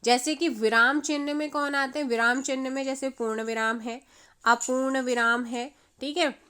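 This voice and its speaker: A woman's voice: high voice, fairly even intonation, moderate pace, bright, forceful tone, clean tone. A woman teaching an exam-prep grammar lesson, mixing in English words and quizzing viewers with questions she answers herself. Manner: repeats her own questions and answers them, quizzing viewers; mixes English words into her speech.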